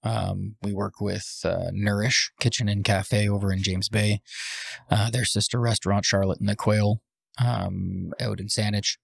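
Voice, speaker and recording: A Canadian man who owns a cafe and roasts coffee, talking casually in a podcast interview and pausing often with fillers. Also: fairly low pitch, level tone, creaky, slightly rough, no echo, studio quality. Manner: hesitant, frequent "um" fillers.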